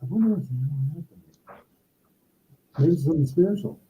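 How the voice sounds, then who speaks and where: A man's voice: a little high, lively intonation, a little fast, warm tone. A man on a video call whose voice comes through muffled, as if he is talking inside a barrel, chatting casually and joking. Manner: joking, laughing at his own remarks. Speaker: discussion participant.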